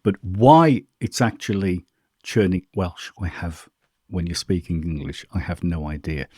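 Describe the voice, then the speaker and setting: Husky low-voiced man, chatty host. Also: unhurried, mellow, no room sound, studio quality. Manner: chatty, informal, thinks aloud. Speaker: host answering viewer questions. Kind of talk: casual screen-share walkthrough.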